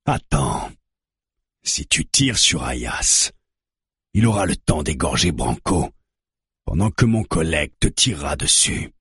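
A man voicing a calm, steady male police negotiator who reasons deliberately. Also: very deep voice, breathy edge, dry recording, studio quality, exaggerated voice.

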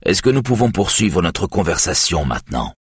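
A man's voice: sing-song, normal speed, slightly rough, dry recording, studio quality, heavily acted. A man doing a stern police chief. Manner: strict, booming. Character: stern middle-aged male police chief.

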